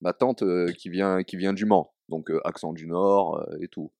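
A man from Provence with a Provençal accent, chatting casually as a podcast co-host, relaxed and full of fillers. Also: low voice, normal speed, no echo. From Provence, southern France. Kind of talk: casual chat.

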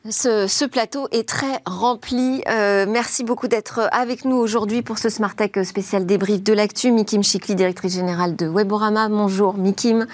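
A woman hosting a tech show, who introduces the topics and guests in a lively, brisk way with some fillers. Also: medium pitch, no echo. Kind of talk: broadcast show hosting and interviewing.

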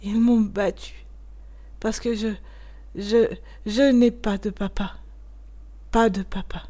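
A woman's voice: extremely high pitch, brisk, voice pushed up. A woman voicing a small tearful boy who stammers and sobs as he speaks. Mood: sobbing. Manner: stammering, sobbing.

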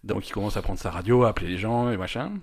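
Fast-talking low-voiced man telling stories. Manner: fast, stammering restarts, lively storytelling. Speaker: podcast co-host. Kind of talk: casual podcast chat.

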